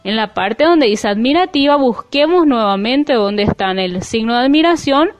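A woman teaching a language lesson, explaining slowly and clearly, with faint music behind her. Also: a little high, expressive, muffled recording. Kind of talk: classroom lesson.

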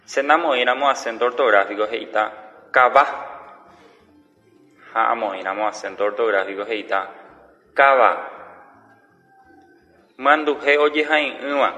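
A man teaching a language lesson, going slowly and drawing out each example word. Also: medium pitch, pushed and bright, in a large hall. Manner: slow, deliberate, drawing out example words.

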